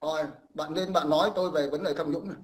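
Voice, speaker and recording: Condescending male host with a high voice. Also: steady tone, fast talker, slight background noise. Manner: lecturing, condescending, clears throat. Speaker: host of a live call-in stream. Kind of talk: lecturing call-in chat.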